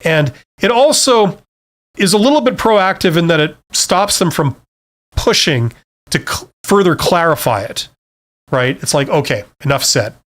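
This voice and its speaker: A middle-aged man talks loosely through viewer questions on a live stream, mixing jokes with practical advice. He reads each question aloud and slips into quick bits of quoted speech. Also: sits high, animated, fairly bright tone. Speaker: host answering viewer questions.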